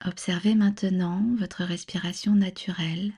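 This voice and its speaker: Her voice lowish and steady, a yoga nidra teacher guides listeners through relaxation. The instructions come gently and in a measured way, delivered with a soft, breathy, soothing quality.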